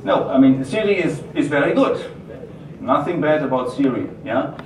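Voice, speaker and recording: A man's voice: medium pitch, big pitch swings, normal speed. German-accented man presenting in an echoey room. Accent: strong German. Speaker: company presenter taking audience questions. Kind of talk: live product presentation and Q&A. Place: roomy event venue. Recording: echoey, noisy room from far off.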